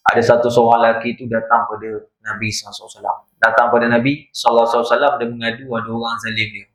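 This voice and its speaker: In an echoey madrasah prayer hall, a man with a Malaysian Malay accent teaches an evening religious lecture at a rapid-fire pace. His mid-range voice is fairly bright but flat in delivery, and he mixes storytelling with rhetorical asides to check on his listeners.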